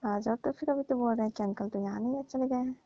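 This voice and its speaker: Speaking a little high and quickly with a dark tone, a woman portrays a teasing, coaxing middle-aged auntie trying to persuade and placate someone in a staged comic phone call. It's a dull, dry, lo-fi phone recording.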